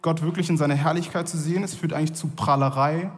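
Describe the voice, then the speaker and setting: A man giving a sermon in a casual, conversational way, often pausing with fillers. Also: fairly high pitch, steady tone, in a large hall, soft background music. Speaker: preacher.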